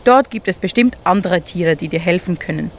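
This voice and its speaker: A woman voicing a wise, calm male owl who gently gives advice in a told animal story. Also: on the low side, normal speed, a little hiss or hum, natural voice. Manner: gentle, advising.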